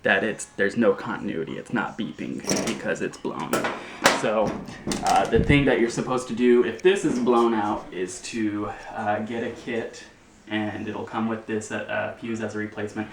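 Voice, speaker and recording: Low-voiced man explaining an appliance repair. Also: moderate pace, noisy background. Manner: hesitant, many fillers. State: out of breath. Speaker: homeowner showing a repair. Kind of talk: casual how-to explanation. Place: home laundry area, indoors.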